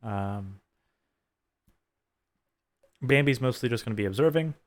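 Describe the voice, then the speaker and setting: A man working as a race engineer, chatting through a post-race debrief in a halting, think-aloud way. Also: mid-range voice.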